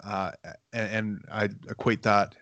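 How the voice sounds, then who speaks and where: Low, flat-voiced male podcast host. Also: slow pace, no echo. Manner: rambling, many restarts and fillers. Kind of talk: casual interview chat.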